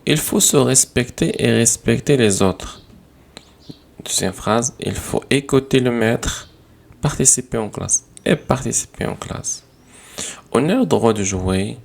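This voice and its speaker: A man teaching a grammar lesson, going through exercises slowly and repeating sentences as he corrects them. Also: lowish voice, gravelly.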